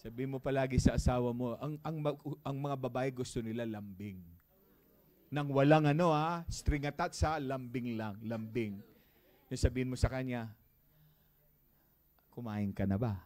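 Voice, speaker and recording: A man preaching a sermon as pastor of a church, calling out to the congregation and shouting praise. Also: mid-range voice, moderate pace. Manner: preaching with call-and-response and shouts.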